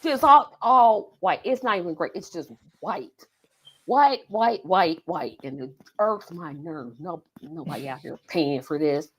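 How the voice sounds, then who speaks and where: With a husky, fairly low-pitched voice and a slightly slow delivery, a podcast host in her forties teases herself playfully during a casual interview chat.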